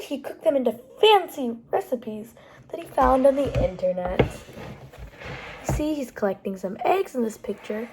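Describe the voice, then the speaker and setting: A storytime host with a high voice reads picture books aloud slowly and expressively for young children, explaining the pictures and words as she goes and making asides to her listeners. She's animated throughout, with slight background noise behind her.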